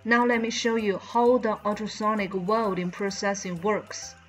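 Her delivery is flat and her pitch medium, her speed normal, with faint music behind her. This Chinese woman in her thirties, host of a channel and representative of a mold company, reads a scripted factory walkthrough in careful, slightly non-native English marked by a Chinese accent. She appears indoors against a plain bright backdrop, framed medium close by a front-facing camera.

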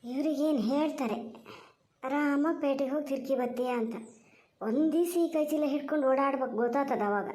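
A bustling cartoon village woman, voiced by an actor, chatters in a very high, brisk voice, coaxing and scolding. She sounds loud and bossy but kind. The room echoes around her. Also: natural voice. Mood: bossy kindness.

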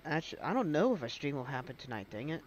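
A young man with a stuffed-up, sleepy voice gives live gameplay commentary, laid back but bursting into excited shouts at the action. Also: a little high, fast, dull audio, slight background noise. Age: young adult. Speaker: game streamer.

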